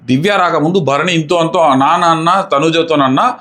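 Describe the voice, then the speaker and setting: A man's voice: fairly high pitch, normal speed, fairly bright tone. A man giving an opinionated casual review of a reality show episode. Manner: opinionated, acts out housemates' lines in quotes.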